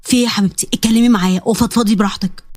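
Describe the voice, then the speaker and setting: A woman's voice: on the high side, fairly even intonation, very fast, darkish tone, no room sound, voice pushed down, lightly acted. A woman voicing a caring, teasing husband with an Egyptian accent in a told story. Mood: coaxing. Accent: Egyptian Arabic. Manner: coaxing.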